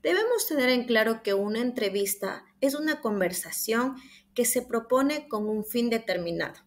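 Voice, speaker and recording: A woman's voice: on the high side, animated, moderate pace. A young woman with an Ecuadorian Spanish accent gives a class presentation from slides. She explains step by step and reads the examples aloud. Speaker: student presenter.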